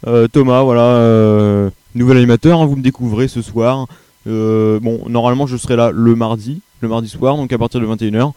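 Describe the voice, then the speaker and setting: A man's voice: mid-range voice, fairly even intonation, a little fast, dark tone, smooth, dry recording. A young man from the Paris area with a French accent, hosting a live web radio show in a loose, hesitant chat full of fillers and restarts. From Paris region, France.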